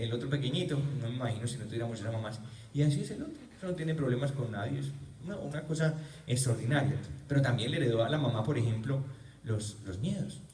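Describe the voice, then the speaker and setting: A man's voice: medium pitch, darkish tone, a little hiss or hum. Man preaching in a roomy church. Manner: repeats phrases for emphasis, humorous storytelling. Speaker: preacher at a healing retreat. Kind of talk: sermon with personal stories. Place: parish church. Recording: roomy church, mic far off.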